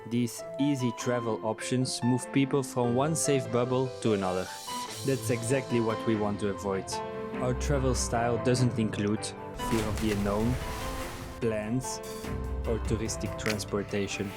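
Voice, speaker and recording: Guy in his 20s doing a calm travel voiceover, medium pitch, music going underneath. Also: normal speed. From Belgium. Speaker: travel vlogger. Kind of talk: scripted voice-over narration.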